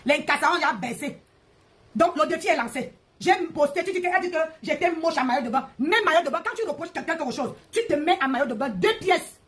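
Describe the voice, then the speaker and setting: A woman's voice: high voice, animated, quick pace, fairly bright tone. A woman hosting a live stream, ranting in a mocking, confrontational way and repeating her jabs. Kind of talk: heated live-stream rant.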